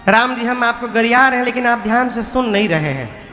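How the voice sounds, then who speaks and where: A man voicing a teasing young village woman in a devotional story, with quick and playful speech. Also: very high voice, expressive. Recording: echoey hall with music.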